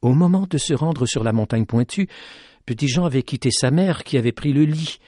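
A man narrating a tale in an expressive, dramatic reading style. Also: medium pitch, a little fast, dry recording, studio quality. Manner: dramatic, rising with tension. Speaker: storyteller.

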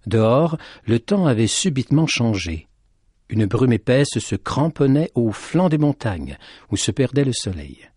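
Slow, husky male storyteller. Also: medium pitch, dry recording, studio quality. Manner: slow, expressive, soft reading. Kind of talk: read-aloud storybook narration.

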